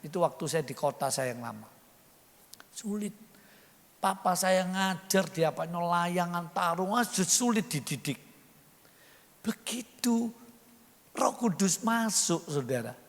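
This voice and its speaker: Older male pastor, high lively voice, gravelly edge, echoey church hall. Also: slow pace, long pauses. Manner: animated, acts out voices in dialogue, swings loud and soft. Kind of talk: sermon.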